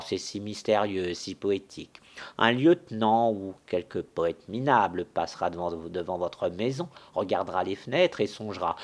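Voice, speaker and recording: A man voicing a gruff, blunt middle-aged landowner in a solo dramatic reading of a stage farce, sarcastic and quick to shout. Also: deep voice.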